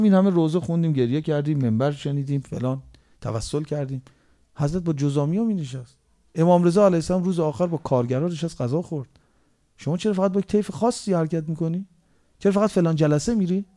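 High-pitched preaching man. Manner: rhetorical questioning, swinging from raised reproach to low quiet tones. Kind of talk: sermon.

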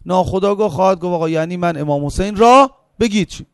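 A man delivering a religious sermon, asking questions and answering them himself, swinging between emphatic high phrases and soft low asides. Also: dry recording, clean studio sound. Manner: rhetorical, asks and answers his own questions. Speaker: preacher.

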